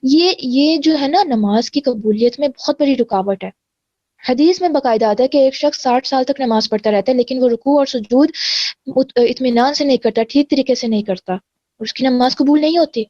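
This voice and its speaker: A woman's voice: high-pitched, mellow, no room sound, muffled recording. A woman teaching a religious lesson, explaining earnestly and mixing in English words. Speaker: Quran teacher.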